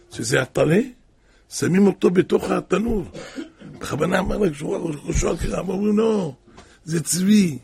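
Impassioned, gravelly, high-voiced male preacher. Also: a little hiss or hum. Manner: impassioned, swings from hushed to crying out. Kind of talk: sermon.

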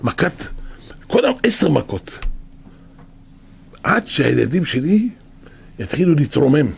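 A man's voice: a little high, sing-song, gravelly, slightly rough, exaggerated voice. A man voicing God, stern and thundering. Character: God rebuking Pharaoh, stern, mighty.

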